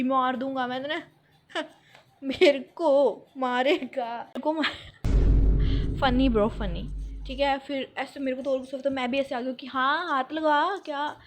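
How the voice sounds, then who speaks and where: A young woman telling a school story in a storytime vlog, acting out what people said and dropping in English phrases. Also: fairly high pitch. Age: young adult. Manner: animated, acts out quotes, mixes in English phrases. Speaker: vlogger.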